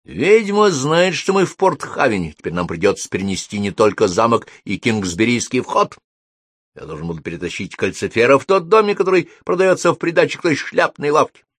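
A man voicing a worn-out young wizard with a cold in a storybook reading, hoarse and sardonic. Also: medium pitch, very animated, a little fast, fairly bright tone, no room sound, clean studio sound, pitched above the performer's own voice. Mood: urgent. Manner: tired, sardonic.

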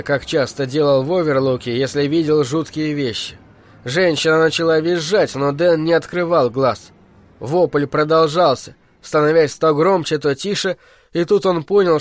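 Man narrating a dark audiobook. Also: on the high side. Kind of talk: scripted narration.

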